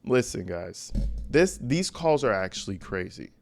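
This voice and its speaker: A man's voice: on the low side, sing-song, measured pace, gravelly, soft background music. A man hosting true-crime commentary in an informal, opinionated style, blunt and slangy with emphatic stresses.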